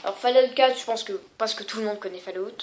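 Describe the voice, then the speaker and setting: Une femme qui présente ses jeux vidéo sur un ton décontracté, en hésitant souvent et en se moquant d'elle-même. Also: female voice, medium pitch, quick pace, noisy background. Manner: rambling, many fillers and self-mocking asides. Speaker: gaming vlogger. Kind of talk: casual video game showcase.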